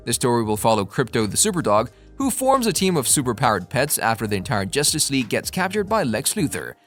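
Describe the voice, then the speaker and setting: Male narrator, scripted movie-news read, highly varied pitch, medium register, soft music behind. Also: big pitch swings, a little fast. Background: faint music.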